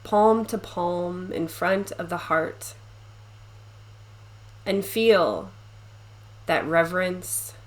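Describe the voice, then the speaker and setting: This is a guided meditation led by a woman whose voice sits on the low side. She keeps things soothing and gentle, speaking in brief phrases spaced out with long silences.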